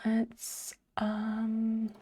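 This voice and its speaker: A woman's voice: fairly high pitch, monotone, drawn-out words, dark tone. A woman live streamer chatting casually while sleepy and yawning, rambling and swearing offhandedly.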